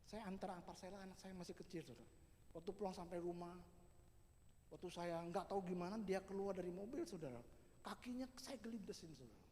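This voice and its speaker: Middle-aged Indonesian pastor, very high voice, preaching with loud climaxes in a reverberant church hall. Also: male voice. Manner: preaching with rising shouts and repeated "saudara" tags. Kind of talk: sermon.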